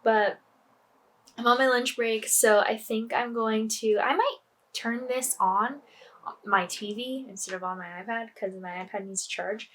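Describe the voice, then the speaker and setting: A woman's voice: a little high, fairly even intonation, measured pace, fairly bright tone, rough recording. A woman in a casual vlog chatting about what she is reading, rambling with lots of fillers. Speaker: book vlogger. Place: at home on a lunch break.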